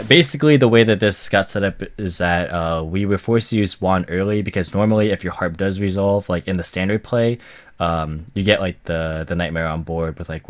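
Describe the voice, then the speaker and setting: A man with a stuffy voice from a cold, casually commenting on a card game match and rambling with many ums and likes. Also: sits low. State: stuffy, recovering from a cough.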